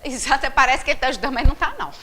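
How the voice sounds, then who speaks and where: A woman leading a book study group, animated and constantly checking in with her listeners through rhetorical questions. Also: sits high, very fast. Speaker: spiritist study group leader.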